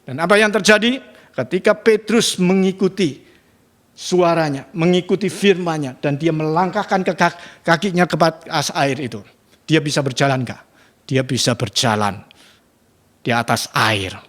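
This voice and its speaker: Male pastor, fairly high voice, dramatic emphatic sermon delivery. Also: moderate pace. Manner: repeatedly addresses the congregation, asks for amens; dramatic shifts in pitch and loudness when stressing points.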